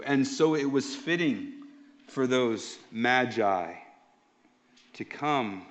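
A pastor preaching a sermon in an emphatic, slow and deliberate way. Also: male voice, medium pitch. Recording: dull lo-fi sound.

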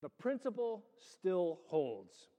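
A man preaching and reading as a pastor, with a measured, deliberate delivery in short phrases. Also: sits high, sing-song, mellow. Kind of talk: sermon with prayer and scripture reading. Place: large reverberant church. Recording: long hall reverb.

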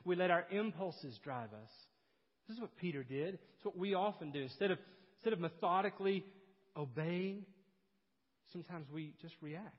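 A man preaching an expository sermon, telling stories and swinging between loud emphasis and hushed, low passages. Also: normal speed. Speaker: pastor. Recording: dull sound with long hall reverb.

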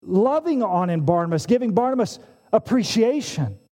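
A man in his forties preaching a sermon, animated and emphatic, often restarting his phrases. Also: high voice, moderate pace. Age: 40s. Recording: long hall reverb.

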